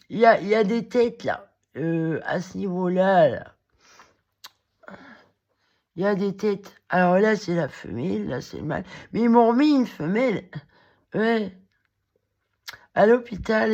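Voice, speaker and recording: A woman with a cracked, hoarse voice, rambling in a halting monologue to the camera, full of fillers and restarts. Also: medium pitch, lo-fi sound. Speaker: vlogger.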